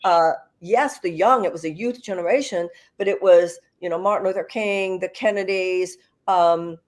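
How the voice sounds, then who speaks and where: This older woman from the US talks at a moderate pace in a lowish voice. She's a guest on an online panel held by video call, and her earnest, reflective remarks are full of fillers and false starts.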